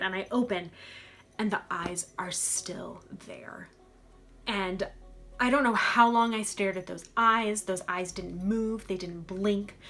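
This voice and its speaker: A woman in her thirties telling spooky personal stories as a casual vlogger, with animated emphasis and dramatic pauses. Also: medium pitch. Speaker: storytelling vlogger.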